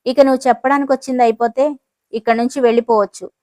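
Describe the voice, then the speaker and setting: Brief: woman reading icy rich young man, calm and dismissive, slightly high, dry. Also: fast, no echo, natural voice. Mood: cold, controlled. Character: cold, menacing rich young businessman.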